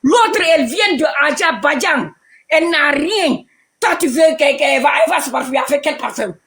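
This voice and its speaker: A woman with a high voice rants into her phone during a live stream, out of breath and worked up. She keeps repeating rallying calls in a pleading, impassioned way. The phone mic keeps the sound close and direct. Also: expressive, brisk, fairly bright tone. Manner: pleading, fired-up, repetitive rallying.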